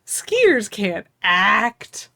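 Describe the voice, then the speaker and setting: A woman's voice: medium pitch, sing-song, extremely slow, creaky, sharp tone. A woman co-hosting a gaming stream, chatting in an emphatic, opinionated way. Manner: emphatic, opinionated, opens with "Listen". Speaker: co-host guest. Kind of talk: casual stream banter.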